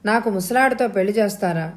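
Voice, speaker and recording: A woman reading an audio novel, voicing a quick-tempered, scornful elder sister who shouts at her younger sibling. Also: mid-range voice, close to an everyday voice. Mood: angry scolding.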